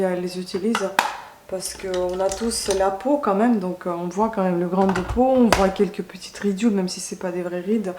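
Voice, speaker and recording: A woman in chatting casually as she does her makeup, often hesitating and correcting herself. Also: medium pitch. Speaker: beauty vlogger. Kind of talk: casual makeup chat to camera. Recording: roomy echo, faint background noise.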